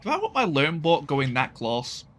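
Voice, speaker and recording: A man chatting his way through a strategy game, with a bright, lively voice that rises and falls a lot. He thinks aloud and swears casually, with faint noise under the recording. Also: fairly high pitch, normal speed. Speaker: streamer playing a mech strategy game. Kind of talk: casual gameplay commentary.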